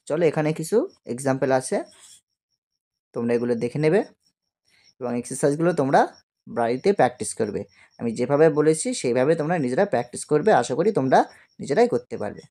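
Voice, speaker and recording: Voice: medium pitch, lively intonation, quick pace, long pauses, warm tone. A teacher giving a recorded grammar lesson to school students. They explain step by step, ask questions and answer them, and slip English words into the explanation.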